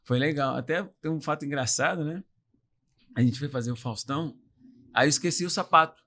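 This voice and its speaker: Lively Brazilian man from inland São Paulo. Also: a little high, fairly quick. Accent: São Paulo interior. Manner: animated storyteller, laughs through anecdotes. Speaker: podcast guest, former footballer. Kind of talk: casual storytelling chat.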